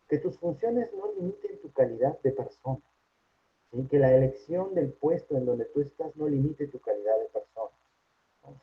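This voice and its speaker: A man's voice: on the high side, breathy edge. Man, Peruvian Spanish accent, psychologist, informal lecture, chatty tag questions, phone-like sound. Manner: conversational, frequent tag questions. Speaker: psychologist giving a workplace talk. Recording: tinny phone-like line.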